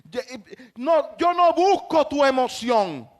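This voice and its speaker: High-voiced impassioned male pastor preaching. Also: big pitch swings, takes it slowly. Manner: impassioned preaching with shouted emphases. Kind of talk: sermon.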